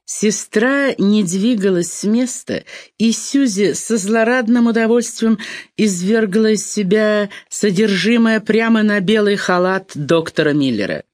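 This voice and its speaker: An audiobook narrator reading a novel in a measured, even way. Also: mid-range voice, no room sound, clean studio sound. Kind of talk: scripted narration.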